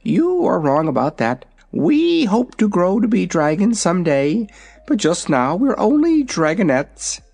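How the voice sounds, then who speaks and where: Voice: medium pitch, big pitch swings, unhurried, creaky, a little mellow, pitched above the performer's own voice, exaggerated voice. A storybook reader voicing a proud, hungry young dragonette in a lofty, matter-of-fact manner. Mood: haughty.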